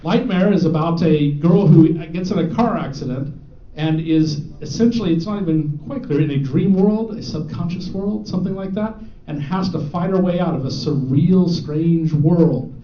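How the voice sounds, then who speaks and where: A man's voice: a little high, moderate pace. A man presenting student game awards to a live audience, joking and teasing as he reads out the winners. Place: event hall with an audience. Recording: echoey, dull hall recording.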